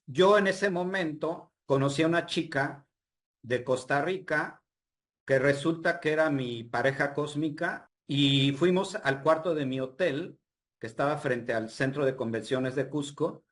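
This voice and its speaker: A man's voice: on the high side, measured pace. A man casually telling a personal story, animatedly acting out the dialogue with frequent fillers. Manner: animated retelling with quoted dialogue, many fillers. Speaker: guest storyteller.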